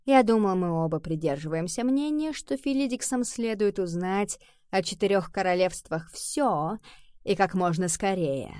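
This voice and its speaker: A woman voicing a wise, firm male cat teacher in a children's audiobook, measured and persuasive. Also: medium pitch, a little mellow, no echo, studio quality, close to an everyday voice.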